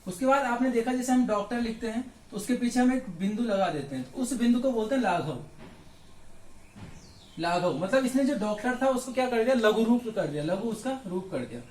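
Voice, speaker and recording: A man's voice: extremely high pitch, animated, a little fast, echoey room, a little hiss or hum. A man with a Hindi accent teaching Hindi grammar by walking through exam questions, posing questions and answering them himself. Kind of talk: exam question walkthrough lesson.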